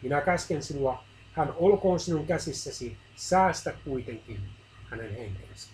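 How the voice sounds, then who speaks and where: A man's voice: a little high, expressive, darkish tone, slight background noise, natural voice, rough recording. A man reading out the commands of a stern male God in a devotional story, in solemn decrees. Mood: commanding.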